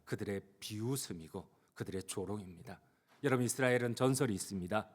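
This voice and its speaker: A male pastor delivering an impassioned sermon in a church, swinging between quiet asides and fervent cries. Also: on the low side, fast, breathy edge. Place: church sanctuary.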